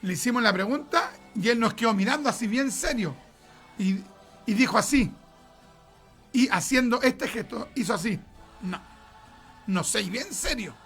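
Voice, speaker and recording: A man's voice: extremely high pitch, animated, moderate pace, fairly bright tone, husky, soft background music. A middle-aged man with a Chilean accent preaching a sermon, emphatic, repeating words for stress and acting out conversations. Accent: Chilean Spanish.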